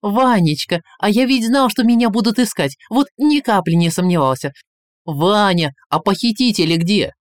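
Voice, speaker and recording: A man voicing the Tsar, an excitable, frightened old man who chatters breathlessly in a high voice. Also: moderate pace, smooth, no echo, clean studio sound, close to an everyday voice. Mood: excited chatter.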